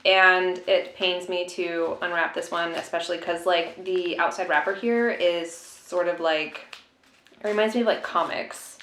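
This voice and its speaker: A woman vlogger chatting casually through an unboxing, in an informal, rambling and musing way. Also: on the low side. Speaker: tea vlogger. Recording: roomy, echoey room sound.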